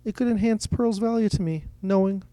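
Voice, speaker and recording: A man's voice: high voice, a little fast, mellow, dry recording, pitched above the performer's own voice, close to an everyday voice. A man voicing an opinionated old male art collector who speaks emphatically in a raised voice. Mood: emphatic. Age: older.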